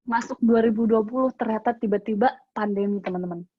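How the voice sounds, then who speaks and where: A woman's voice: a little high, fast, husky, no echo, narrow, tinny audio. A woman in her late twenties tells a personal faith testimony in an earnest, emotional way and acts out her own prayers. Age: late 20s. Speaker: speaker sharing a testimony. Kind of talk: personal testimony to a youth group.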